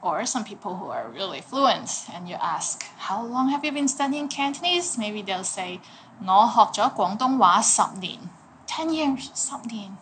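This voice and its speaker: A woman teaching a language lesson, saying each phrase slowly and clearly, then translating it patiently. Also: mid-range voice, big pitch swings, a bit bright, a little hiss or hum. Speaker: Cantonese teacher.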